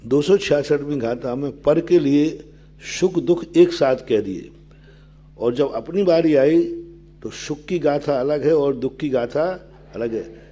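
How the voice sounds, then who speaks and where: An older man preaches slowly and unhurriedly, working through scripture for his listeners. His voice sits a little high for a man, yet its tone is mellow and dark. Now and then he sings a verse in a low, drawn-out chant. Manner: asks the listeners questions and answers them himself. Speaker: Jain monk preacher. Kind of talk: sermon.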